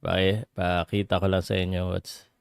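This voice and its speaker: A man with a Filipino accent hosts a casual boxing livestream, chatting with viewers and switching between English and Tagalog in a halting way. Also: deep voice, level tone, gravelly, clear, resonant tone, no echo, clean studio sound. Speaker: livestream host and boxing commentator.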